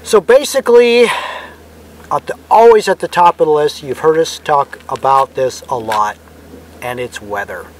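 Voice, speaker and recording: Higher-pitched male vlogger, folksy talk. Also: lively intonation, normal speed, slight background noise. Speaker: vlog co-host. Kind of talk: casual advice to camera.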